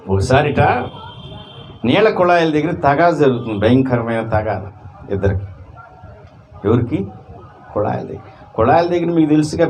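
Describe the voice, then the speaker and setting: A male pastor preaching a sermon, with many rhetorical questions and swings between loud emphasis and quiet asides. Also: fairly high pitch, slight background noise.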